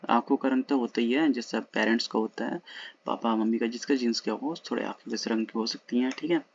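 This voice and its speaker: A man working through old exam questions in a casual lesson, reading the English question text slowly and then explaining quickly in Hindi, recorded at home at night. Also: medium pitch, steady tone, gravelly, slightly rough, highs cut off. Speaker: exam-prep teacher.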